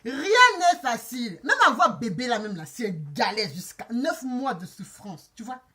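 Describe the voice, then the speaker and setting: A woman telling her viewers a story, vlog-style. Her voice sits on the high side and leaps up and down with expression. She laughs often and speaks straight to her audience. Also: sing-song, unhurried, sharp tone. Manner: addresses viewers directly. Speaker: vlogger.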